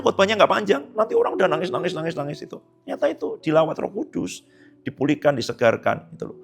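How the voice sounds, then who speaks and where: A male pastor gives a casual, conversational sermon in a church service. He sounds chatty and teasing, and often drops into hushed asides. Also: on the high side.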